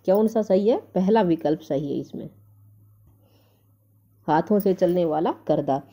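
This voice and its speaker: A woman's voice: lowish voice, a little slow, mellow. A woman teacher going through exam answers, reading each option aloud and then saying whether it is right or wrong. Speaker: Hindi teacher. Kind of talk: exam answer-key walkthrough.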